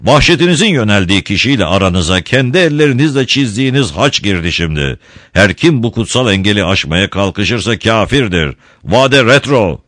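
A man's voice: fairly low pitch, sing-song, moderate pace, fairly bright tone, dry recording, clean studio sound, voice pushed up. A man voicing a hot-tempered village priest who talks in an indignant, commanding way. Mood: thundering.

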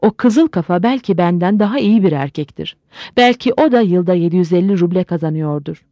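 A woman's voice: on the low side, expressive, brisk, mellow, no echo, muffled recording, close to an everyday voice. A woman voicing a heartbroken, drunk middle-aged German husband who rants and sobs in a storybook reading. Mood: brooding. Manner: sobbing, ranting, then gushing.

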